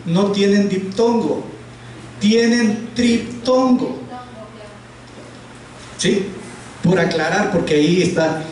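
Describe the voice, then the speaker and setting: A man's voice: high voice, fairly even intonation, unhurried, darkish tone. A man teaching a classroom grammar lesson, patiently asking the class questions and repeating their answers. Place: classroom in a house of prayer. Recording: very echoey room, voice from a distance, faint hiss.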